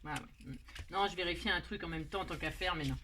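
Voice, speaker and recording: Chatty bright-voiced woman crafting. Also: on the low side, fairly quick, a little hiss or hum. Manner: chatty, joking about her own mistakes, muttering asides. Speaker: card-making tutorial host. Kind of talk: casual self-mocking craft tutorial.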